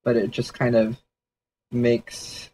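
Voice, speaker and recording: A man's voice: medium pitch, monotone, takes it slowly, dark tone, a little hiss or hum, low-quality recording. A man casually thinking aloud during a livestream sketch session, rambling and hedging with fillers as he explains his ideas. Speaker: 3D artist streaming a sketch session.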